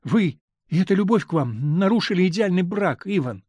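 A male reader voicing a gentle, confused woman torn between two men, talking in an earnest, wavering way. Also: high-pitched, expressive, normal speed, husky, no echo, voice pushed up.

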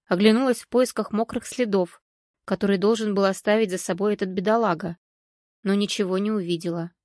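A woman narrates a scripted audiobook with even, measured storytelling. Her pitch is medium, and the recording is dry with clean studio sound.

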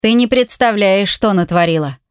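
A woman's voice: medium pitch, normal speed, clean tone, no room sound, clean studio sound, lightly acted. A woman reading an audiobook voices a furious, brutal man who snarls threats and insults. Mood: menacing. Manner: snarling, menacing, shouting insults.

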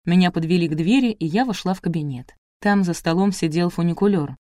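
A woman narrating a novel as an audiobook, brisk and wry. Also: fairly low pitch, warm tone, no room sound, clean studio sound. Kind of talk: audiobook reading.

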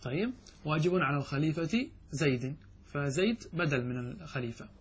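A man's voice: a little high, animated, fairly quick, slight background noise. A man teaching a lesson on Arabic grammar, reading the text aloud and explaining it step by step, often putting questions to the class and answering them himself.

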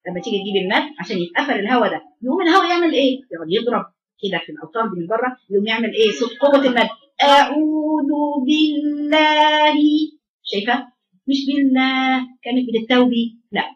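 A woman with an Egyptian Arabic accent teaching Quran recitation to a class of girls. She explains, quizzes the students, and chants drawn-out examples. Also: fairly high pitch, lo-fi sound.

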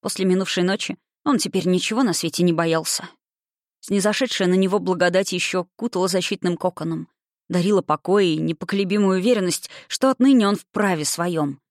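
A reader narrating a historical romance audiobook in a measured, expressive way. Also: mid-range voice, no room sound, clean studio sound.

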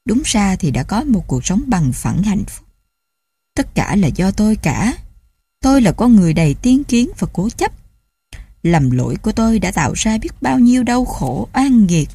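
A woman's voice: mid-range voice, sing-song, moderate pace, dark tone, breathy edge. A woman voicing a guilt-stricken older man, a family patriarch, in a storybook reading, with an anguished, confessing manner.

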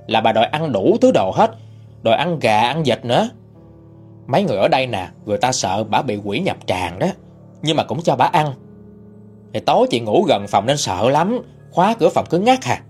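Man narrating a ghost story, husky, lively pitch, faint music under. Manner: chatty, conversational retelling.

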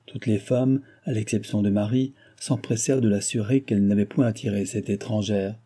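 A man narrating a classic novel in a measured, even literary reading. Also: fairly low pitch, breathy edge. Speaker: audiobook narrator.

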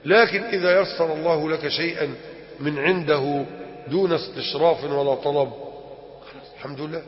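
Egyptian preacher, slightly high voice, animated lesson full of rhetorical questions, long reverb. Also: male voice, a little fast. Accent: Egyptian Arabic. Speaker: sheikh teaching a religious lesson. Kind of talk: colloquial religious lesson. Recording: echoey hall, dull lo-fi.

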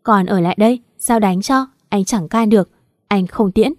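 A woman's voice: medium pitch, normal speed, dry recording, studio quality, lightly acted. Stern cop husband laying down the law, firm and scolding, read by a woman. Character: stern young husband, a policeman.

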